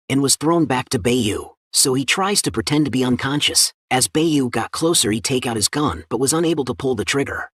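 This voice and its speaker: Husky male recap narrator. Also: mid-range voice, fairly bright tone, no echo, clean studio sound. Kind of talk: scripted story recap narration.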